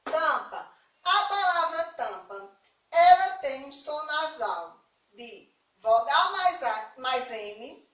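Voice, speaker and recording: A young Brazilian primary school teacher records a lesson for children, her voice sitting high, pushed and bright. She patiently asks questions and then answers them herself. The room is echoey and she is a little far from the mic.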